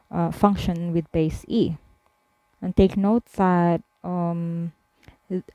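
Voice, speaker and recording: A woman math tutor slowly talking through a worked problem step by step, with frequent fillers. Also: fairly low pitch, dark tone, dry recording. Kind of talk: screen-recorded math lesson.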